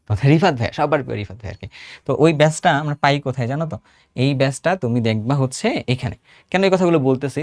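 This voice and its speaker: A man's voice: medium pitch, darkish tone, no room sound, clean studio sound. A man in his thirties with a Bangladeshi Bengali accent, teaching an online exam-prep chemistry lesson in a chatty way, repeating phrases and quizzing his students.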